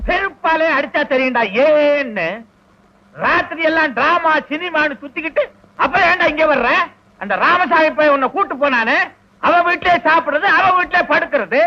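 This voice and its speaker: On a muffled old film soundtrack with a little hiss or hum, an actor speaks in a very high voice at a moderate pace. He plays a short-tempered, middle-aged father scolding his grown son in a sharp, mocking way.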